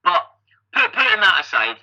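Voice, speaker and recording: As an interview guest, a Scottish athlete and coach in his fifties chats through his story at a moderate pace, his slightly high voice very bright, forward and sing-song. He keeps restarting sentences and repeating their first word, and the recording has its highs cut off.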